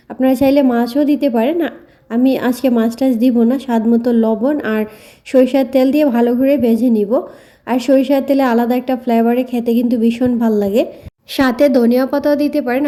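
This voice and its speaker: A woman's voice: fairly high pitch, mellow. A woman narrating her home cooking in a chatty recipe voice-over, with a filler phrase she repeats often. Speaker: cooking vlogger.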